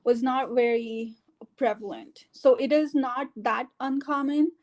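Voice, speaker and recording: In a casual interview, a middle-aged Indian woman with an Indian English accent recounts her life story, full of fillers and restarts. Her voice is fairly high and slightly mellow, with fairly even intonation and an unhurried pace.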